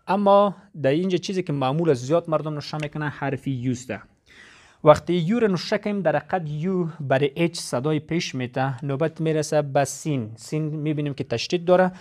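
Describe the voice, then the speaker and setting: A man's voice: a little high, a little mellow. A man teaching a lesson, explaining step by step and repeating each point. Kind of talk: classroom lesson.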